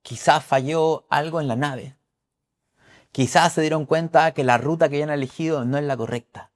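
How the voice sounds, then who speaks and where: A man's voice: on the high side, steady tone, normal speed. A middle-aged man giving an astrology forecast talk, emphatic and preacherly, repeating key phrases.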